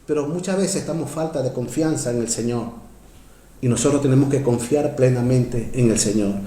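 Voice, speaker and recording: A man preaching a sermon as pastor, urgent and heartfelt, surging loud then dropping to quiet asides as he keeps calling out to his brothers and sisters. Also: moderate pace, reverberant. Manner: impassioned, swings from loud rises to low quiet asides, keeps addressing "hermanos".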